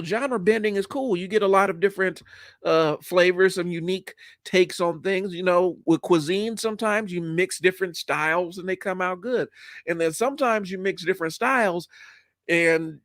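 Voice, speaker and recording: A podcast host in his forties, stuffy with the sniffles, runs a solo stream and talks casually, rambling conversationally with lots of fillers. His voice is on the high side, captured as clean studio sound with no room tone.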